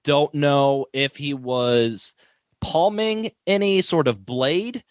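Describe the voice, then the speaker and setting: Wisecracking mock color commentator. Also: male voice, a little high, slow pace, no room sound. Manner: crude, wisecracking.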